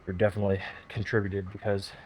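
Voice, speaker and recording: A man's voice: fairly low pitch, little pitch movement, fast talker, a little mellow, a little hiss or hum. A man vlogging casually at the gym between sets, out of breath and restarting his sentences. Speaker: fitness vlogger. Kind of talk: casual gym vlog talk.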